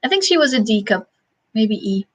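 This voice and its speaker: A woman hosting a casual livestream, answering chat questions in a halting, thinking-aloud way with frequent chuckles. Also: on the high side, sing-song, darkish tone, poor audio.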